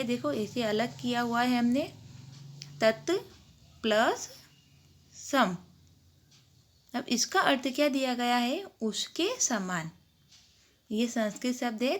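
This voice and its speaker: Woman teacher, kinda high voice, slowly sounding out words for little kids and asking them questions. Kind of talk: online grammar lesson for children.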